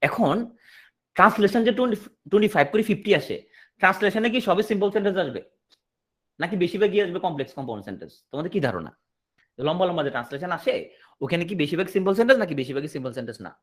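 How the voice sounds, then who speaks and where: A male English teacher leads an online class with an animated delivery whose pitch rises and falls, and his voice sits high. He works in a question-and-answer rhythm, repeating points and checking understanding. He reads English example sentences slowly and deliberately, then translates them.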